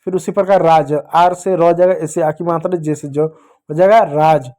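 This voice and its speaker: Casting: high-pitched male teacher, patient and repetitive, talking to small kids. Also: level tone, moderate pace, dark tone. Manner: patient, repetitive, asks questions and answers them himself. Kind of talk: classroom lesson for young children.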